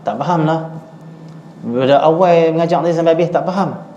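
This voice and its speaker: A man's voice: a little high, fairly quick, a little hiss or hum. A man giving a lecture in a mosque, telling stories and acting out the voices of the people in them. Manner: animated storytelling, acts out quoted voices. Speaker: religious teacher. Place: mosque hall. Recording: echoey, muffled mosque recording.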